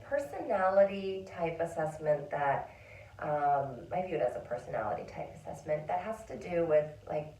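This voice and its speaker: Chatty low-voiced woman, roomy and distant. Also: a little mellow. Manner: emotional, chatty, many fillers, whispers inner thoughts. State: tearful at times. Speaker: vlogger and songwriter. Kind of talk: reflective casual monologue.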